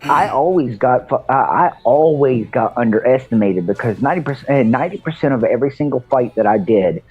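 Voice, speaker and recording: A man in his thirties speaks in a steady, explanatory way on a casual podcast. His mid-range voice comes through dull, lo-fi audio. Faint music sits behind him. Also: mid-range voice, fairly quick. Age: 30s. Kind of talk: casual chat.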